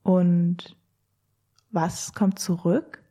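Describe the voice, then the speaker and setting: Slow, mellow woman narrating a dreamy tour. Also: lowish voice, steady tone. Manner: slow, dreamy, poetic delivery. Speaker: audio walk guide. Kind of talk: scripted narration.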